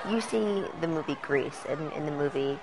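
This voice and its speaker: A woman's voice: low-pitched, lively intonation, moderate pace, heavy background noise. A young woman talking candidly and casually in a news interview, with "like" and "you know" sprinkled in. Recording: soft music underneath.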